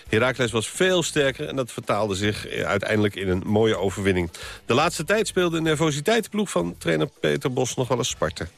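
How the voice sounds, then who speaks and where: A man's voice: mid-range voice, gravelly. A man reading scripted sports results and match reports as a radio news presenter. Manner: lively results bulletin delivery.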